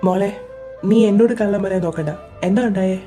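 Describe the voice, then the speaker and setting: A woman voicing a caring, protective young man who acts as an older brother, talking in a gentle, coaxing way in a fan audio drama. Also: mid-range voice, a little fast, soft background music, lightly acted. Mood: coaxing concern.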